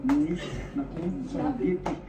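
A woman giving brisk workout commands as a fitness coach, counting down exercises. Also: on the low side, very animated, echoey room, distant mic, very noisy. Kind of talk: workout instructions.

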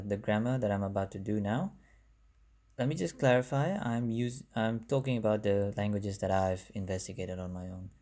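On a phone recording, a young man with a South African accent whose first language is Bangla talks through slides for a language lesson. His voice is low-leaning with a darkish tone, and his style is chatty, with frequent self-corrections.

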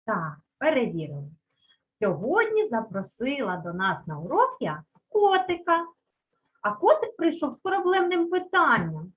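A woman's voice: sits high, wildly swooping pitch, measured pace, highs cut off. A woman from Ukraine teaching a lesson to young children, stretching out key words and coaxing them with questions. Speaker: primary school teacher.

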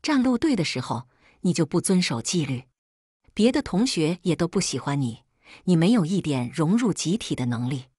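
A harsh female homeroom teacher scolds with a cold, sharp edge, as a woman narrating a storybook puts her on. The voice sits low and a little breathy, recorded close and dry with no room around it. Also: no echo. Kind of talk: storybook reading.

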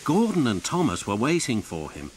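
Expressive male storybook narrator. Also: medium pitch, moderate pace, a little hiss or hum. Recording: narration over loud music.

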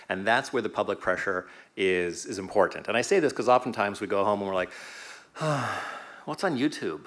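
A man in his fifties giving measured remarks as a panelist at a conference table microphone in a meeting room. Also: low voice, fairly bright tone. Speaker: panelist and legal advisor.

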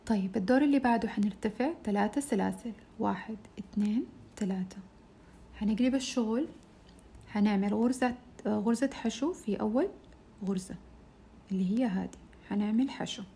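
A woman's voice: mid-range voice, brisk, gravelly, mellow, slight background noise. A woman teaching a crochet shawl step by step, patiently counting stitches aloud. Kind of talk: step-by-step tutorial.

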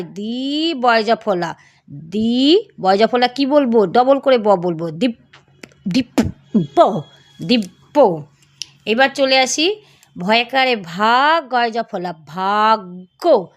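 Slow, high-voiced woman teaching. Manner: slow, drawn-out syllable-by-syllable teaching. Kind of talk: Bengali reading lesson.

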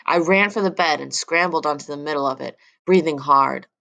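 A woman reading a novel aloud in first-person audiobook narration, steady and measured. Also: deep voice, gravelly.

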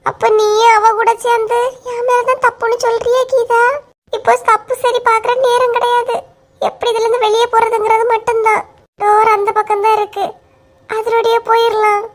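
Very high-pitched Kanyakumari Tamil woman. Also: level tone, normal speed. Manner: high pitched, shifts between several voices. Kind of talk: cartoon character voicing.

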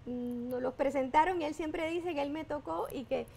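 Interview guest: woman in her 50s, high-pitched and gravelly, Puerto Rican accent with a Panamanian tinge, effusive. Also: moderate pace, a little hiss or hum. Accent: Puerto Rican Spanish blended with Panamanian. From Puerto Rico. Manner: effusive, expressive storyteller. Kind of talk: casual interview talk.

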